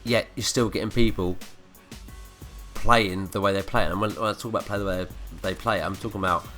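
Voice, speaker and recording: A man's voice: on the low side, fairly even intonation, fairly quick, pushed and bright. A man with a blocked nose from a cold, ranting and swearing through gameplay commentary. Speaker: gaming commentator. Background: faint background music.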